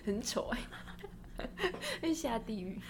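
A young woman with a Taiwanese Mandarin accent, co-hosting a podcast and telling stories in a rapid, breathless casual chat. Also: a little high, sing-song, vocal fry, a little hiss or hum. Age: young adult. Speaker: podcast co-host.

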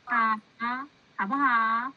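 A woman nun counseling a follower in a casual, animated way, laughing often and repeating words for emphasis. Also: on the high side, slow, noisy background. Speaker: Buddhist nun giving counsel. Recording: muffled lo-fi sound.

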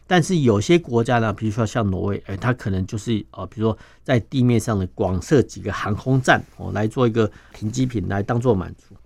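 Low-voiced Taiwanese man explaining. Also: a little fast, creaky, dry recording. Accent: Taiwanese Mandarin. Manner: sprinkles sentences with filler particles; steady, explaining step by step. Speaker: guest defense journalist. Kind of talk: explanatory interview talk.

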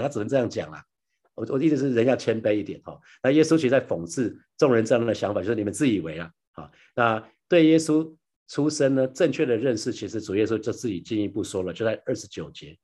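Husky low-voiced man teaching. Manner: repeats phrases, ends lines with soft 哈 and 啊 tags; addresses listeners as brothers and sisters. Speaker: pastor sharing a daily devotional. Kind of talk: devotional Bible teaching.

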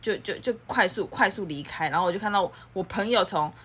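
Woman podcast host, quick and bright, rambling storyteller. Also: mid-range voice, breathy edge. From Taiwan. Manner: rambling, animated retelling with many restarts. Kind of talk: casual chat, storytelling.

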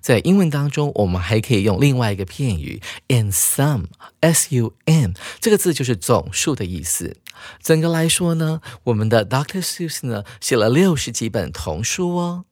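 Lively male English teacher. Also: mid-range voice, dry recording, studio quality. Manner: lively, chatty teaching with drawn-out particles. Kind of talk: explaining English grammar for students.

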